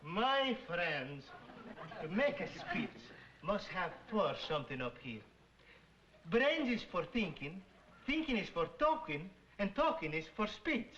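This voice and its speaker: An actor playing a proud Greek immigrant student with a Greek accent, making a grand little speech. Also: male voice, high voice, very animated, slow pace, full character voice. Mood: grandiose. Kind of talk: 1960s sitcom acting. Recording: faintly hissy, dull old TV soundtrack.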